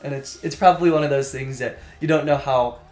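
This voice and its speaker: A man's voice: mid-range voice, a little fast, darkish tone. Chatty man in an echoey room. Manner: chatty, laughs often. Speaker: podcast co-host. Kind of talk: casual chat about games.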